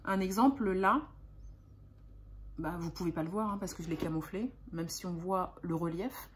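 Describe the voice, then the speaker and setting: Chatty woman vlogger, halting fillers. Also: lowish voice, a little hiss or hum. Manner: chatty, hesitant with frequent fillers. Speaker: beauty vlogger. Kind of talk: casual haul chat.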